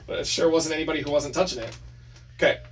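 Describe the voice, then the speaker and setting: A middle-aged man giving a relaxed drum lesson, explaining in an easygoing way with frequent chuckles. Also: on the high side. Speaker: drum teacher. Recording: distant mic with clear drums and music.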